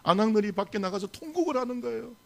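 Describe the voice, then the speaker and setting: A man's voice: high-pitched, expressive, racing, vocal fry, fairly bright tone. A male pastor preaching a sermon in a church service, telling a story with animation and putting questions to the congregation.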